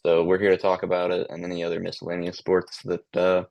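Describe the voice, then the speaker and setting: A man co-hosting a casual sports podcast in a monotone voice, hesitant, with many ums and restarts. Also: deep voice, fast, vocal fry, no room sound. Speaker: podcast co-host.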